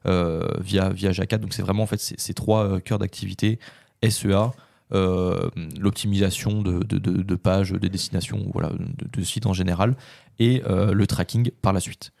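Low gravelly-voiced man. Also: steady tone, moderate pace, a little mellow, dry recording. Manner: rambling, many filler words. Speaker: podcast co-host. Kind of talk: casual podcast chat.

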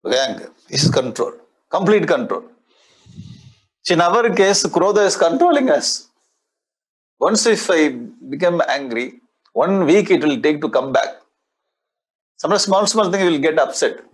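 A man in his sixties with a South Indian accent and a husky voice, lecturing on scripture as a spiritual teacher in a conversational way, often repeating phrases. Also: on the high side, sing-song, normal speed, pauses often, low-quality recording. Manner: conversational, repeats phrases, explains with everyday examples. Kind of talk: lecture explaining Sanskrit scripture. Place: indoor studio in front of a display board. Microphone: lapel mic.

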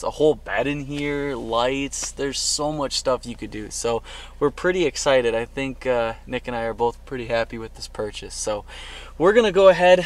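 A young man talking upbeat and friendly to the camera from a campsite and a small tent, recorded on a camera mic. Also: mid-range voice. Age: young adult. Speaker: camping vlogger. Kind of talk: casual vlog to camera. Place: truck bed tent and campsite outdoors.

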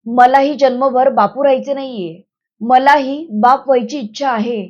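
A woman's voice: sits high, fairly even intonation, moderate pace, darkish tone, dull audio. A firm, protective village man, as a woman reads him. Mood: firm, tender. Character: strong-willed grown village man, bold and protective.

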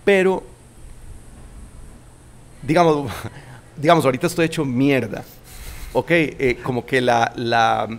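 A man in his forties with a Costa Rican Spanish accent is a guest in a casual interview on a shaded veranda, recorded on a studio mic on a boom arm. His medium-pitched voice moves slowly with frequent pauses as he speaks thoughtfully, restarting often.

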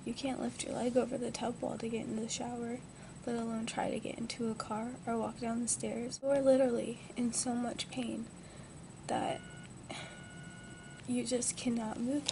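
A woman's voice: fairly high pitch, level tone, normal speed, vocal fry. A twenty-year-old woman talking in a groggy, subdued manner to a device mic, in a casual personal vlog from a hospital bed. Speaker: vlogger. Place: lying in a hospital bed indoors. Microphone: built-in device mic at close range. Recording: noisy amateur webcam audio.

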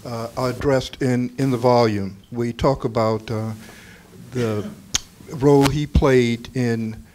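An older man, a book author on a panel, answers audience questions with deliberate, self-correcting speech and frequent fillers into a handheld mic in a crowded room. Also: medium pitch, steady tone, background noise. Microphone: handheld microphone.

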